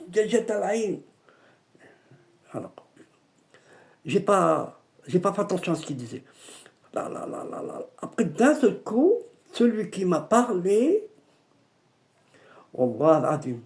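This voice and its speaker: High-voiced gravelly man telling a story. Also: very animated, takes it slowly, pauses often, darkish tone. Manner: repetitive with many restarts, drops Arabic religious phrases. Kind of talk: personal storytelling.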